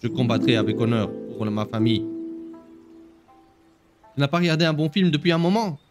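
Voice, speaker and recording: A man's voice: mid-range voice, animated, a little fast, over music, pitched below the performer's own voice, close to an everyday voice. A man voicing a solemn young kung fu hero with a grave, mock-noble delivery.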